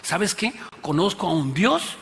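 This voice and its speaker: A man preaches with a Mexican accent in a church auditorium, his voice sitting a little high for a man. He talks like a conversation, tossing in tag questions and emphatic pleas. His voice carries a long reverb from the hall. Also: very animated, measured pace, fairly bright tone. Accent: Mexican Spanish. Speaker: pastor. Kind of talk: sermon.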